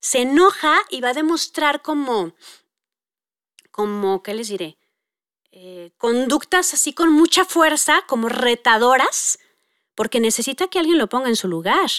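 A woman's voice: high-pitched, lively intonation, measured pace, fairly bright tone, no room sound, clean studio sound. A middle-aged woman talks casually about parenting, with many fillers, and acts out quoted dialogue. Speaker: parenting speaker. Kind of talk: conversational talk on parenting.

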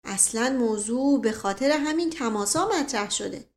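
A woman voicing a sly, witty middle-aged nobleman who talks in a smooth, placating way. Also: fairly high pitch, lively intonation, a little mellow. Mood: persuasive.

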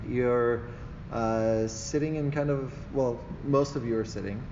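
A man narrating a tabletop game as game master, improvising in a halting way with pauses to think. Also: medium pitch, fairly even intonation. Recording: echoey hall, muffled, loud background noise.

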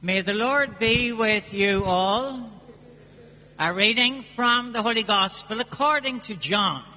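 A man speaking as a priest at Mass, reading scripture and preaching with measured, deliberate pauses in a cathedral-like echo. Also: high voice, bright, forceful tone. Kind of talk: liturgical reading and sermon. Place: large church during a service. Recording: long cathedral-like church echo.

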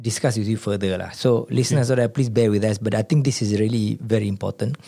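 A man's voice: on the low side, fairly even intonation, fast, vocal fry, mellow, slightly rough. A Singaporean man hosting a casual interview in colloquial Singlish, switching between English and Malay and punctuating with okay and eh. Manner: colloquial, emphatic check-words like okay, eh and right. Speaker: podcast host.

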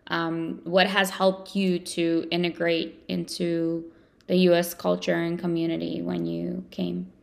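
A woman's voice: fairly low pitch, monotone, a little slow, vocal fry. A woman hosting a podcast, asking questions and sharing her views in a conversational way. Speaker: podcast host. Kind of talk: conversational interviewing.

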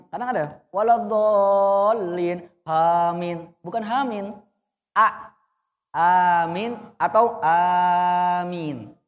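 Brief: young male recitation teacher, high voice, patient and corrective, long reverb behind. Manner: patient, corrective, demonstrates then explains. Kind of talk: teaching Quran reading to adults.

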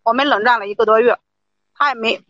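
A woman's voice: fairly high pitch, fast talker, bright, forceful tone, dry recording. Aggrieved woman caller on a dull line. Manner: aggrieved, insistent, repeats herself. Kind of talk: call-in complaint on a livestream.

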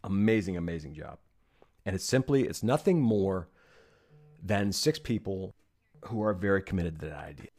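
A man's voice: low voice, moderate pace, a little mellow, soft background music. A man speaking as a podcast guest, giving emphatic advice in casual conversation and checking in with "okay?" and "right?".

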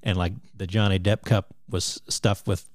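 A man's voice: sits low, level tone, normal speed, dry recording. A man co-hosting a casual podcast, telling stories hesitantly with lots of fillers. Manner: hesitant, filler-heavy storytelling. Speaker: podcast co-host. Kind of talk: casual chat.

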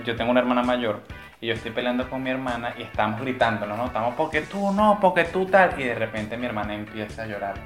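A man hosting a casual chat, talking fast and asking questions. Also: medium pitch, a bit bright, reverberant. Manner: fast, chatty, asks questions. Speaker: podcast host.

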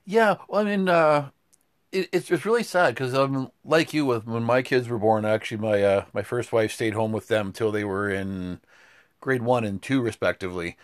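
A middle-aged man, co-hosting a casual political talk show and telling his stories with animated indignation. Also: mid-range voice, moderate pace, clear, resonant tone.

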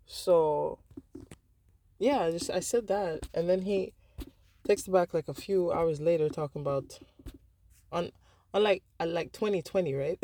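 A woman's voice: lowish voice, dark tone. A woman vlogger candidly telling a personal story, frank and profane, with lots of fillers and restarts.

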